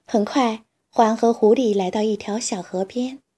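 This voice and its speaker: A woman reading a children's story aloud in a slow, gentle storytelling manner. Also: fairly high pitch, slightly rough.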